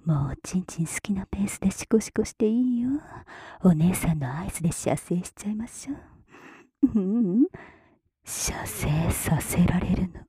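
A young adult woman doing a whispered role-play as a teasing, commanding older-sister type, speaking in a husky, breathy whisper. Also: fairly low pitch, lively intonation, normal speed, mellow. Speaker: ASMR performer.

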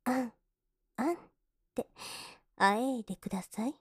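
A young woman playing a cold, scornful maid in an adult audio drama, politely contemptuous and mocking, sometimes dropping into soft whispers to sneer. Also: mid-range voice, moderate pace, husky, no echo, clean studio sound, natural voice.

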